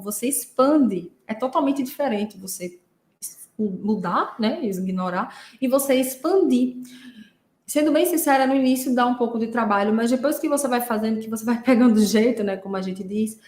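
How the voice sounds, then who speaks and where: A woman's voice: fairly high pitch, darkish tone. Chatty Brazilian woman in an echoey room. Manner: chatty, storytelling, many fillers like "né". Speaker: therapist and podcast host. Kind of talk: casual monologue.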